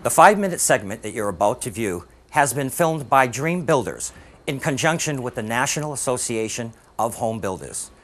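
A man's voice: medium pitch, sing-song, moderate pace, a bit bright. A man announcing a television segment in a plain, formal read. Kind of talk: scripted introduction.

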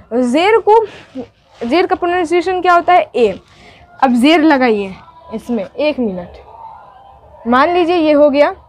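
Woman teacher, high voice, patient drill style: asks, answers, repeats each letter. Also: a little mellow. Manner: asks and answers her own questions, repeats sounds slowly. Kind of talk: teaching Urdu letters at a board.

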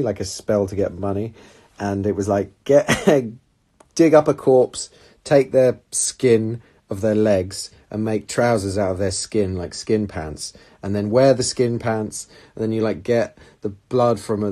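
Sitting on a red sofa in a small indoor room, a young man from England livestreams on a phone held at arm's length. His voice is lowish and warm as he chats casually and animatedly, reading out viewer comments and answering their questions.

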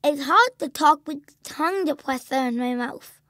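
A cheerful little boy tiger for a children's cartoon game. The voice is very high and swoops in a lively way. The words come slowly and simply, with friendly eagerness. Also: no room sound, studio quality, heavily acted. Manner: simple, slow, friendly instruction to young children.

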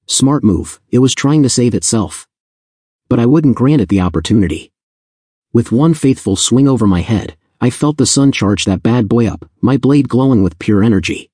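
A man's voice: mid-range voice, expressive, moderate pace, mellow, breathy edge, dry recording, clean studio sound. A man narrating a first-person fantasy audiobook in an intense, blunt, casually profane storytelling manner.

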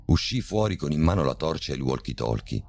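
A man narrating a horror story in a measured, tense storytelling manner. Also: extremely low pitch, very animated, gravelly, a little mellow, soft background music.

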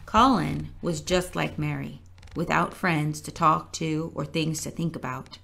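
A woman reading a children's book aloud at a library storytime, gentle and measured. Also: low voice, creaky, a little hiss or hum. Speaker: storytime reader.

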